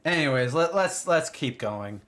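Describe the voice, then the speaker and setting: A man's voice: on the high side, expressive, measured pace, a bit bright, a little hiss or hum. Profane, exasperated gaming commentator man. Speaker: game streamer. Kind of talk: let's play commentary.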